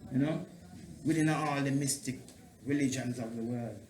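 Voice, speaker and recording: A man's voice: mid-range voice, steady tone, moderate pace, darkish tone. Rasta priest, a man in an echoey room. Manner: Rastafarian speech with patois grammar. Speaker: Rastafarian priest being interviewed. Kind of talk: preaching-like interview talk on theology. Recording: echoey room, clear background noise.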